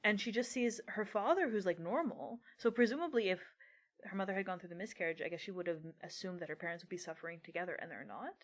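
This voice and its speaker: A woman's voice: on the low side, fast talker. A young woman co-hosting a casual book-discussion podcast, talking things through with frequent laughter. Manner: laughs often while talking. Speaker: podcast co-host.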